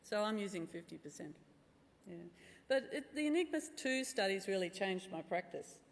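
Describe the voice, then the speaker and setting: In a reverberant hall, a middle-aged woman answers questions as a conference speaker. She is candid and drily humorous, starting some phrases hesitantly, with a medium-pitched voice. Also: expressive, normal speed. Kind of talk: answering audience questions after a medical talk. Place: large conference room. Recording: echoey hall with long reverb.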